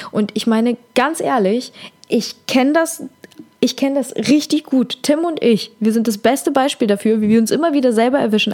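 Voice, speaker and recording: A woman with a fairly high voice tells a story from her holiday in a casual, chatty way. She pauses to reflect and turns to her listeners with questions. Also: a little mellow. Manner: reflective, speaks directly to listeners.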